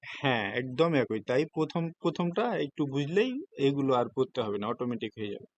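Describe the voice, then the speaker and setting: With an expressive, mid-range voice and a fairly quick delivery, a man explains hiragana in a Japanese class taught in Bengali. His Bangladeshi accent comes through as he patiently breaks down each step and keeps asking students if they've got it. The sound is lo-fi.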